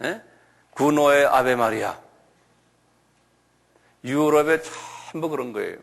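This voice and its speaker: A man giving a church lecture, slowly spelling out and repeating foreign names and often asking his listeners questions. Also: mid-range voice, gravelly. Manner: slow, repetitive, asks the audience questions. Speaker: lecturer on creationism.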